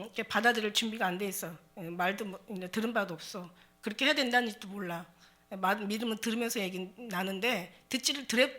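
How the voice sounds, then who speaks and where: Animated older woman pastor preaching. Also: a little high. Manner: lively, conversational preaching with laughs and dialect jokes. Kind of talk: sermon. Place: church.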